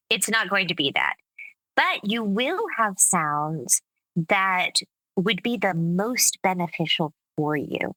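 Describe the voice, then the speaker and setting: Slow, bright-voiced woman speech coach. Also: mid-range voice, no room sound, low-quality recording. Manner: measured, explanatory. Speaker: speech coach and accent specialist. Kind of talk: conversational interview.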